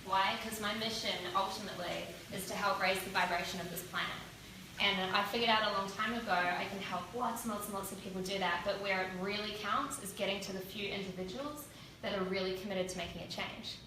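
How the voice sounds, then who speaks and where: A woman's voice: medium pitch, steady tone, brisk. A woman with a New Zealand accent giving a motivational keynote, telling stories and putting questions to her audience. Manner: storytelling with rhetorical questions to the audience. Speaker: keynote speaker. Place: indoor event room with an audience. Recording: distant mic, echoey room, noisy.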